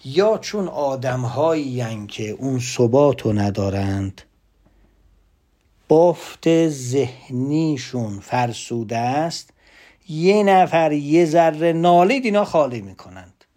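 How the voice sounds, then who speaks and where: A man giving a lively motivational talk, emphatic, swinging between loud asides and hushed whispered lines. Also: mid-range voice. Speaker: motivational speaker.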